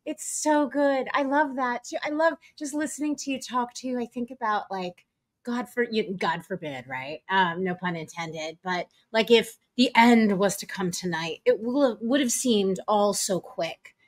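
A woman's voice: on the high side, a little slow, no room sound. Middle-aged woman hosting a casual chat. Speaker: host. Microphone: video call.

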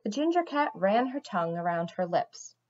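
A woman reading a fantasy novel aloud in an expressive storybook narration, on a dull lo-fi recording. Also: mid-range voice, moderate pace. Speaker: audiobook reader.

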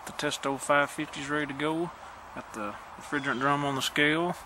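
A man's voice: on the high side, fairly even intonation, brisk. A man, an HVAC technician, casually narrating his repair work on camera and talking straight to viewers. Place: at a home air-conditioning unit, indoors and outdoors. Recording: loud background noise on a work camera.

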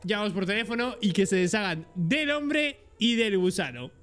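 A man with a Spain Spanish accent streaming a game, joking excitably and talking to his chat. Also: sits high, moderate pace, soft background music. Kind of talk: live gameplay commentary.

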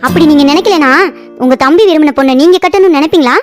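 A woman's voice: high voice, very fast, over music, lightly acted. A woman voicing a hot-tempered young woman in a cartoon story, scolding and insulting sharply. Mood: reproachful.

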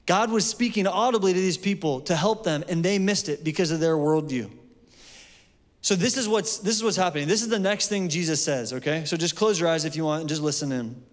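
High-voiced man preaching a casual sermon. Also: a little fast. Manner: conversational, with fillers and self-corrections. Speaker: pastor. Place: church sanctuary. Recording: long hall reverb.

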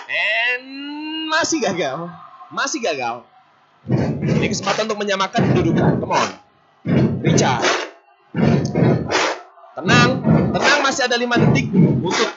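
A commentator hoarse from yelling, calling live basketball in an informal, exclamatory way with English phrases mixed in. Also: medium pitch. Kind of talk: excited live sports commentary. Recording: dull lo-fi broadcast sound, loud music behind.

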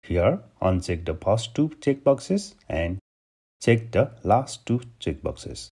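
A man from Nepal hosting a step-by-step software tutorial, giving steady instructions over a screen recording. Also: low voice, slow, slightly rough. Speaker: tutorial host.

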